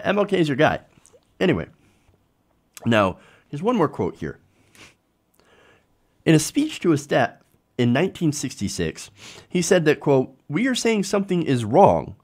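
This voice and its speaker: A show host, an American man, gives opinionated political commentary. His medium-pitched voice shifts a lot for emphasis as he argues emphatically, relying on rhetorical questions.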